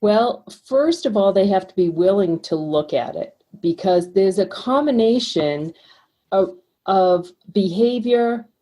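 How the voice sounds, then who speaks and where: A middle-aged woman with a Boston accent, a financial coach explaining ideas calmly and steadily as a podcast guest. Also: mid-range voice. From Boston, USA. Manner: calm, explanatory, measured. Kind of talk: podcast interview.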